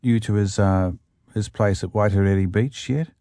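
Brief: male host, low voice, relaxed and curious, dry close sound. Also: moderate pace, no room sound. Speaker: radio host. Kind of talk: casual interview.

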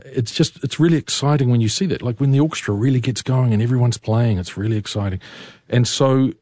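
Brief: male composer, very low voice, eager and articulate, dry studio sound. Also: darkish tone, breathy edge, dry recording. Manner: enthusiastic, articulate explainer. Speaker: composer and interview guest. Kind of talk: interview answers.

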